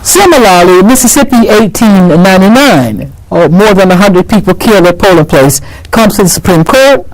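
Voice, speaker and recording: A woman's voice: medium pitch, animated, normal speed, few pauses, low-quality recording. A woman giving an impassioned, conversational history lecture as an interview guest, emphatic and repeating key phrases for stress.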